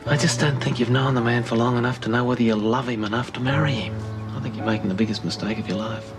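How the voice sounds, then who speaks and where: An actor playing a blunt, proud older Australian man in a television soap, speaking plainly and haltingly. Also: medium pitch, fairly even intonation, lightly acted. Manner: halting, gruff, plain-spoken. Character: blunt, stubborn, proud but good-hearted older bloke. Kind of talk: television soap drama acting. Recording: TV soundtrack with music underneath.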